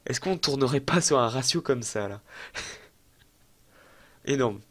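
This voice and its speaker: In a mid-pitched voice at a slightly slow pace, a young man does let's-play commentary on a football manager game for his gaming channel. He's casual and eager, teasing himself as he thinks out loud.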